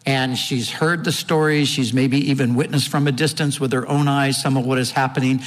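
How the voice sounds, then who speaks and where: A man's voice: medium pitch, level tone, normal speed, in a large hall. A man preaching a sermon and retelling a story vividly, with strong emphasis.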